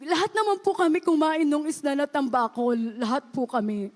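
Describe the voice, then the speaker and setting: A woman's voice: high voice, moderate pace. A woman giving an earnest, polite testimony to a church congregation, often addressing them as beloved. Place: church service.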